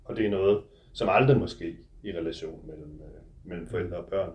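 Low-voiced male author, reads and reflects with a measured, hesitant delivery in an echoey room. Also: darkish tone. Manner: measured, reflective, hesitant with fillers when speaking freely. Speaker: author reading and discussing his novel. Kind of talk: literary reading, then interview talk.

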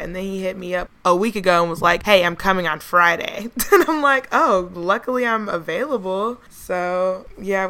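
Woman, American accent, hoarse smoker's rasp, bright tone, casual storytelling, slangy podcast co-host. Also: mid-range voice. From United States. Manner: candid, slangy.

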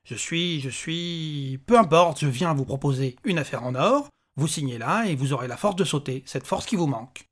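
A touchy little bearded imp rants and grumbles in a raised, husky voice, as a male narrator puts him on. He is sarcastic and quick to take offence, pushing his pitch up when riled. It is a character voice in a storybook reading. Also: expressive. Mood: indignant. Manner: irritable, sarcastic, ranting. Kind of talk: audiobook character voice.

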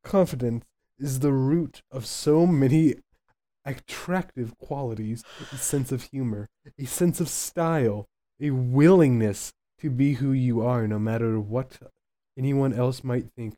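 A man's voice: mid-range voice, a little slow, mellow. A man co-hosting a casual chat, reading self-help passages aloud with dry humor. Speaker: podcast co-host.

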